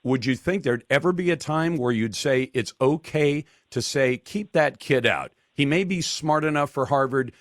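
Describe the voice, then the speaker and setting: A man's voice: mid-range voice, moderate pace, hardly any pauses, no room sound. A man hosting a talk radio show, emphatic and argumentative, speaking into a studio microphone. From Taiwan.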